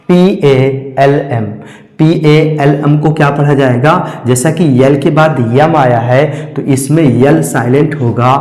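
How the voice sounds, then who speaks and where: A male English teacher with a Hindi accent gives a classroom lesson, going slowly and repeating each rule and spelling out words letter by letter. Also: medium pitch, a little mellow. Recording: echoey classroom with long reverb.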